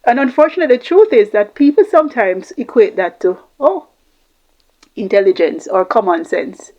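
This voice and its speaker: This host, a Jamaican woman, gets animated as she explains communication tips informally, repeating phrases for emphasis in a reflective way. Her mid-range voice is darkish in tone, her pace moderate, and the recording muffled.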